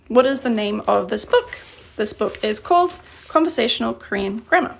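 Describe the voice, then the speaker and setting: This live online Korean grammar lesson features a woman whose slightly high voice has a clear gravelly fry, and she speaks expressively and a little slowly. Recorded by a phone camera above her desk indoors, she works through sentences one by one, complimenting viewer answers and responding to questions.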